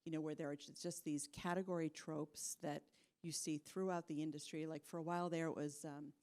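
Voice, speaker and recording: Low, mellow-voiced woman on a panel. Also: flat delivery, fairly quick. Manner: chatty, with fillers and light laughs. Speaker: marketing executive on a panel. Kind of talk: conversational panel answers. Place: conference stage with audience.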